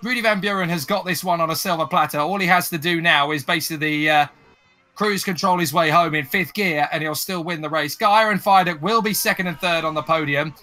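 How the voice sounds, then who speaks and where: A man calling a motor race live as a commentator, with an excitable, dramatic delivery and colourful turns of phrase. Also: fairly high pitch, fairly quick, soft background music.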